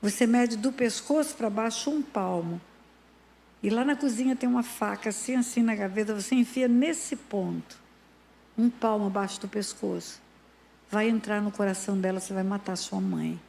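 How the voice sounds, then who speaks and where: A woman voicing a menacing male demon that quietly urges a child to kill, in a low, insistent tone. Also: moderate pace, vocal fry, slight background noise, natural voice. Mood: coaxing. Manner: low, coaxing, insistent commands.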